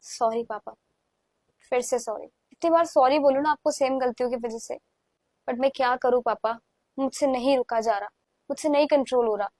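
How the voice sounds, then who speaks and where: A pleading teen daughter. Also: female voice, very high-pitched, fast talker, dry recording. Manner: pleading, whiny. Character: teenage schoolgirl daughter, pleading.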